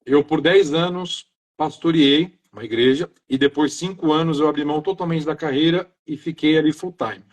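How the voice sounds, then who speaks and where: A man's voice: on the high side, normal speed. Earnest middle-aged Brazilian man. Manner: earnest, talks in loose chains of "então" and "né". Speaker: guest, maintenance engineer. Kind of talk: casual interview on a live stream.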